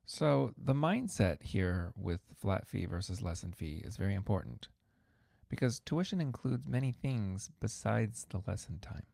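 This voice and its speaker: A man's voice: on the low side, lively intonation, a little slow, creaky, a little mellow, no room sound, studio quality. A man who teaches piano, hosting an instructional podcast in a conversational, emphatic way that repeats words for stress.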